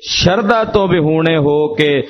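A man's voice: on the high side, measured pace. A man preaching a Sikh sermon, explaining each sung verse by repeating its meaning in several phrasings. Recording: lo-fi dull recording.

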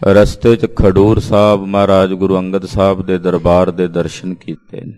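A man preaching a reverent sermon, retelling a sacred story in a measured way and reciting verses. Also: deep voice, flat delivery, a little mellow. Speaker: Sikh preacher.

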